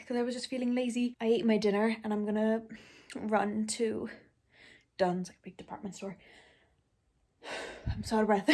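A woman's voice: on the high side, darkish tone, slightly rough. A young woman chatting casually in a rambling vlog, full of fillers, first while driving and later at home. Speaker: vlogger. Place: in a car, then at home.

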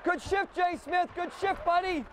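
A man's voice: very high-pitched, normal speed, fairly bright tone, slight background noise. A man coaching youth hockey from the bench, barking short commands and encouraging his players. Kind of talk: shouting instructions from the bench. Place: ice rink bench.

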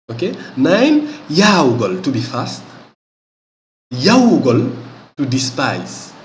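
A man teaching a language lesson, saying each word slowly, repeating it and often checking in with "okay?". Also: mid-range voice, a little mellow, slight background noise. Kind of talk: vocabulary lesson. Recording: echoey room with faint ambience.

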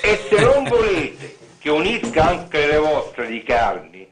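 Man on speakerphone, slow drawl, menacing, fairly high voice, loud crowd behind. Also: very animated. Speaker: restaurant owner calling in.

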